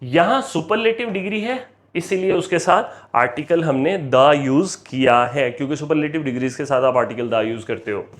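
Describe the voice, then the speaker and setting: A male teacher giving a grammar lecture, explaining in Hindi-Urdu and reading English example sentences slowly and deliberately. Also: on the high side.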